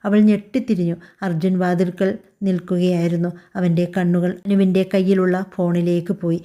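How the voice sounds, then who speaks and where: A woman tells a scripted story in a calm, even way. Her voice sits low and sounds mellow and soft. She reads every part in that same steady narrating voice. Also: brisk. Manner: calm, even storytelling voice that also reads all the characters' lines.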